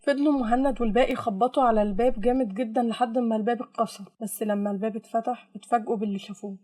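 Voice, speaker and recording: Egyptian Arabic woman narrator, very rapid, somewhat high. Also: fairly even intonation, mellow. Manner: dramatic storytelling. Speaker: storyteller. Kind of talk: scripted story narration.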